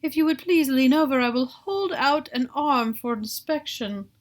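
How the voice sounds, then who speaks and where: Woman as a high, silky, prim monster. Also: moderate pace, close to an everyday voice. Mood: courteous. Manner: formal, polite. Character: prim, well-groomed male monster, polite and professional.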